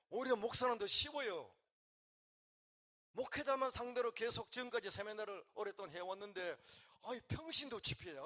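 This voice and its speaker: An older man, a pastor from the region, preaching, swinging between quiet, emotional talk and loud calls to the congregation. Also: high-pitched, normal speed. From Gyeongsang region, Korea. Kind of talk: sermon.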